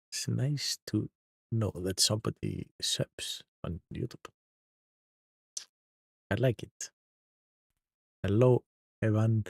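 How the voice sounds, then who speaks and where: A man from Iceland, an Icelandic native with a matching accent, runs a relaxed live stream where he reads out chat and says hello to viewers one after another. His medium-pitched voice has a darkish tone, recorded dry and at studio quality.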